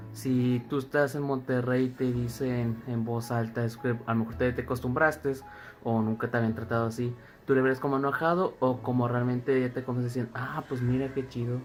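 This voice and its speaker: Man rambling through a conclusion. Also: medium pitch. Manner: casual, rambling. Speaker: student presenter. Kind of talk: class presentation.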